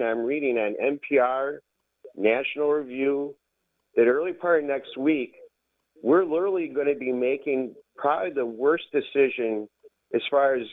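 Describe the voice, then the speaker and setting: A man calling in to a talk radio show over the phone, talking in a halting way with frequent restarts. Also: mid-range voice, no echo. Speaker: radio call-in listener. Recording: tinny phone line, dry.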